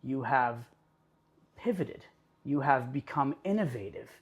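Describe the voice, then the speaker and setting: Upbeat interview host, man, mid-pitched, friendly run-on phrasing. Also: measured pace, breathy edge. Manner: upbeat, flattering, talks in long run-on lists. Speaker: podcast host. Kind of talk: conversational interview.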